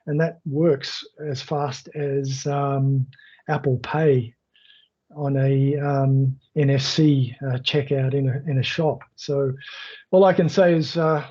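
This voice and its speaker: A man presenting in a live webinar, answering questions in a loose, conversational way with many fillers and a croaky voice that makes him clear his throat. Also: medium pitch, fairly even intonation, measured pace, darkish tone. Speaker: webinar presenter on online selling. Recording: dull lo-fi video call audio.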